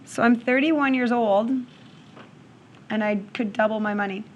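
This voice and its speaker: In a classroom full of students, a woman with a slightly high voice teaches math without hurrying, talking through problems and repeatedly asking "okay?" The recording sounds muffled and carries a faint hiss or hum.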